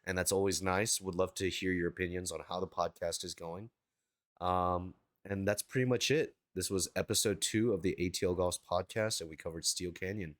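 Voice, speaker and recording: A man with a very low voice hosts a golf podcast. He chats casually and upbeat, with plenty of fillers. The sound is dry and close. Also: steady tone, brisk, dry recording. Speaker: podcast host.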